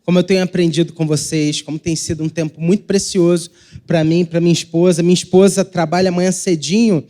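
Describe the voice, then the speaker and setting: High-voiced Carioca preacher, man with hushing s. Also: fairly even intonation. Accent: Carioca (Rio de Janeiro) Brazilian Portuguese. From Rio de Janeiro, Brazil. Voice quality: hushing sh sound for s. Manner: deliberate, with long drawn-out phrasing and pauses. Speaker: pastor, guest preacher. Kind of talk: sermon to a congregation.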